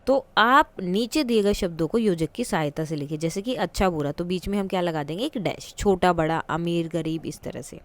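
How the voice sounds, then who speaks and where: A woman's voice: on the low side, moderate pace, hardly any pauses. A woman teaching a school textbook lesson, explaining patiently step by step with examples and questions to the class.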